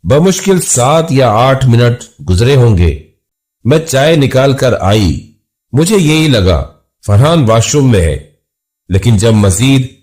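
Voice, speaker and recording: Male horror storyteller, slow and measured, lively rise and fall, suspenseful. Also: medium pitch. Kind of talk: scripted first-person horror narration.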